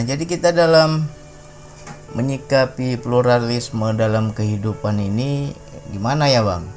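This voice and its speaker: A man's voice: mid-range voice, darkish tone. Sumatran man giving a chatty spiritual talk. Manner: conversational, peppers sentences with a questioning "ya". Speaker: religious talk speaker.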